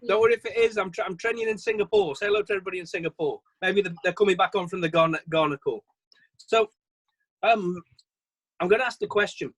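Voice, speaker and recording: A man's voice: high-pitched, fast, fairly bright tone, rough recording. A man leading a sales training on a video call, chatty and self-deprecating, often restarting his phrases. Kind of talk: virtual training session.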